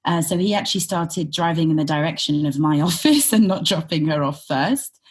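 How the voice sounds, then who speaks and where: Low husky woman telling stories. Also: animated, moderate pace. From Sudan, raised in Britain. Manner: reflective, thoughtful, with frequent fillers. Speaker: podcast guest, humanitarian consultant. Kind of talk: conversational interview storytelling.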